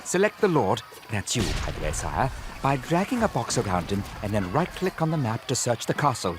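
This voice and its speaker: A man's voice: mid-range voice, very animated, brisk, noisy background, natural voice. A man playing a loyal medieval retainer, guiding his lord with deferential, earnest urgency in a game. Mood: urgent. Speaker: tutorial guide. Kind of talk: game character instructions.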